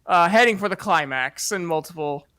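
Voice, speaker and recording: A man's voice: fairly high pitch, expressive, normal speed, bright, forceful tone, clean tone, no echo. A young man streaming a casual watch-along chat, rambling and laughing and acting out sounds as he talks. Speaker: streamer and voice actor.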